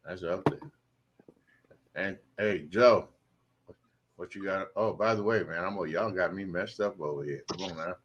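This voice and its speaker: A man's voice: sits low, a little slow, pauses often, breathy edge, muffled recording. A man hosting a casual sports podcast, laid-back as he passes the floor to others.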